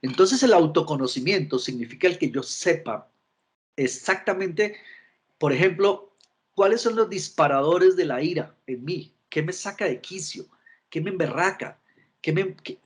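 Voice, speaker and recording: Husky man giving a training talk. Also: fairly high pitch. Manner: frequent restarts and repeated words, asks listeners for agreement. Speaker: trainer in emotional intelligence. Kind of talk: virtual training lecture.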